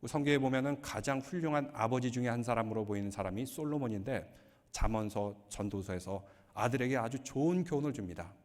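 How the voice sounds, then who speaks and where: Man, pastor, lively sermon with jokes, church sanctuary, long reverb. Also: mid-range voice, fast. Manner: joking, lively storytelling. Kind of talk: sermon with humor.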